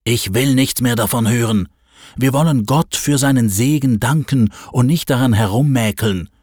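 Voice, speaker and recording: A man's voice: medium pitch, moderate pace, a little mellow, no echo, clean studio sound, close to an everyday voice. A man voicing a stern, frail, blind old father in a Bible story. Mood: firm. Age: older.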